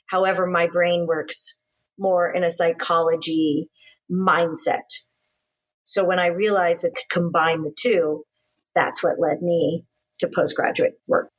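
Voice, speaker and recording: A woman's voice: fairly low pitch, steady tone, unhurried, husky, rough recording. A woman from Florida with an American accent, co-hosting a show and chatting casually as she tells personal stories. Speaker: podcast co-host. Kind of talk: casual chat, personal storytelling.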